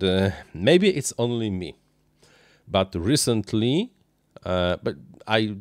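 Low-pitched and nasal, this man in his thirties improvises live-stream chat as he builds a model plane, halting with many uhs and restarts and using non-native phrasing. He's at a small indoor home workshop desk. A close dynamic mic on a boom arm, with headphones, leaves no room sound.

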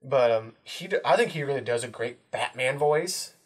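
Dude just chatting casually, swears a bunch, laughs, average pitch. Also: male voice, animated, normal speed, husky. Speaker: co-host. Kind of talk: casual chat.

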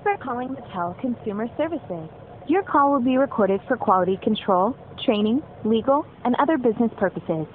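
A woman's recorded phone menu message, a polite, measured scripted announcement for a customer service line. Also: a little high, animated. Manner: polite, measured, evenly paced. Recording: tinny phone line with faint hiss.

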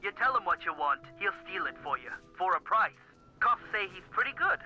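An actor voicing a brisk, blunt man on the phone in a video game. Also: high voice, big pitch swings, pushed and bright, muffled recording, faint music behind, full character voice. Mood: matter-of-fact.

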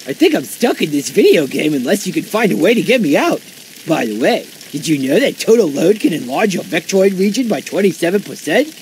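Goofy, sing-song dopey cartoon athlete. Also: male voice, high-pitched, sing-song, a little fast, a little mellow, a little hiss or hum, low-quality recording. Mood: cheerfully oblivious. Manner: goofy, naive, drawling. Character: cheerful, clueless, dopey male cartoon athlete. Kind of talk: cartoon voice acting.

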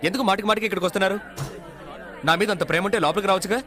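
An actor playing a cheeky young con man in dubbed film dialogue, quick-witted and mocking. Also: sits high, pushed and bright, a faint crowd. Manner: mocking, quick-witted, fake tearful pleas.

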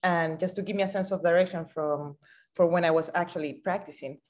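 A young woman, a saxophonist and composer, speaks thoughtfully in a casual video-call conversation, using lots of fillers like "you know" and "like." Her voice is fairly low, brisk, and a little mellow, with fairly even intonation.

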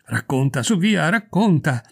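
Man putting on a breathless curious noblewoman, raised pitch, husky gravel. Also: sing-song, a little slow, full character voice. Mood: eager. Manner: eager, pressing, breathless. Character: curious excitable noblewoman, eager listener.

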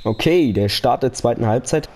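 A man's voice: medium pitch, animated, moderate pace, darkish tone, a little hiss or hum. A young man giving casual, slangy live commentary on a football video game, with earnest pep talk mixed in. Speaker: gaming YouTuber.

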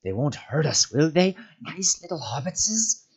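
Gollum, hissing and whimpering. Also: male voice, on the high side, big pitch swings, unhurried, husky, pitched above the performer's own voice, full character voice. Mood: whimpering, pleading. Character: wretched hissing creature, cringing and greedy. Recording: dull lo-fi recording.

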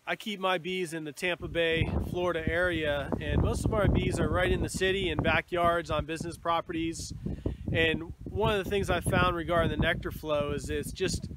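At a bee yard outdoors, a beekeeper in his thirties explains things in a relaxed way, using fillers, to a phone camera at arm's length. His voice is on the high side at a moderate pace, and faint outdoor noise is audible.

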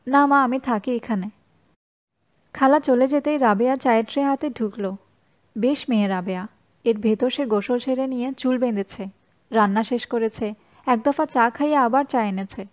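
A woman reading a novel aloud as an audiobook narrator in a calm, even storytelling manner. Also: on the high side, moderate pace. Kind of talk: scripted narration.

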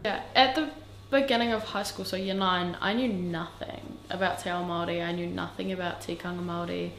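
A woman's voice: lowish voice, steady tone, brisk, a bit bright, reverberant, slight background noise, rough recording. A teenage girl speaking earnestly, with many ums, in an interview. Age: teens. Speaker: student. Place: school kitchen.

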